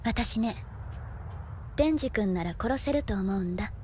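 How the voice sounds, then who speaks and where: A woman voicing a calm, manipulative young woman superior in an anime, speaking in a soft, breathy near-whisper with a slow, coaxing manner. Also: on the high side, slight background noise, close to an everyday voice. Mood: persuasive. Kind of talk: anime dub acting.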